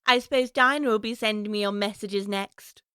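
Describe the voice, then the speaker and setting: A woman's voice: mid-range voice, moderate pace, sharp tone, smooth, dry recording, clean studio sound, natural voice. A woman playing Alice, a curious young girl chattering away to herself in a prim, wondering way, for a full-cast audiobook. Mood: musing.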